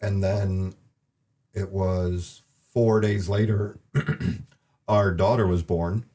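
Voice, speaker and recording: A man's voice: low-pitched, steady tone, extremely slow, mellow. A man co-hosting a podcast, talking casually with dry joking asides. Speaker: podcast co-host. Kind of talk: casual chat.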